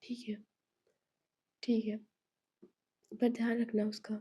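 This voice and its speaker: A woman's voice: fairly high pitch, level tone, takes it slowly, mellow, husky. A woman reading a storybook voicing an elderly grandmother who speaks firmly and protectively. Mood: relenting. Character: stern but caring elderly grandmother.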